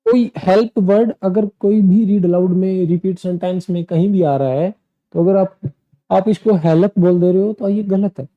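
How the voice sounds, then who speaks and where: A man's voice: high voice, normal speed, phone-quality sound. A man coaching students through an English exam, explaining things directly and repeating points as a teacher. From India. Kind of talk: classroom lesson explaining exam tasks.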